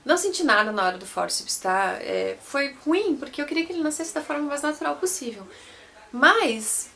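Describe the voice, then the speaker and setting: A woman's voice: high voice, expressive, normal speed, creaky, pushed and bright. A young Brazilian woman telling her own story to camera in a chatty way, often repeating and correcting herself. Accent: Brazilian Portuguese. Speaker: vlogger.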